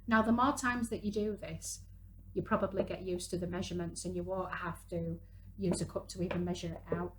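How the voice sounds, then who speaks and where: Her voice lowish and steady, a woman in her thirties moves fairly quickly through a casual craft demo for parents and small children, explaining as she works. There's noise in the background.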